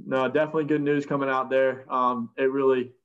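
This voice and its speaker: A man's voice: medium pitch, level tone, brisk, clean tone, lo-fi sound. A man hosting a sports podcast in casual chat, leading the talk and tossing questions to his guests. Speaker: podcast host.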